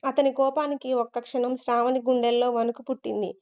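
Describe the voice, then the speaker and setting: High, clear-voiced woman storyteller. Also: little pitch movement, a little fast, darkish tone. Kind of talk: dramatic story narration.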